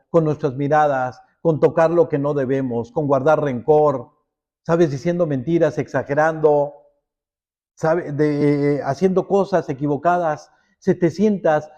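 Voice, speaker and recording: A pastor with a Mexican Spanish accent delivers an emphatic sermon, throwing out rhetorical questions and slowing down for dramatic quotes. His voice sits high but mellow, and the recording sounds a little muffled.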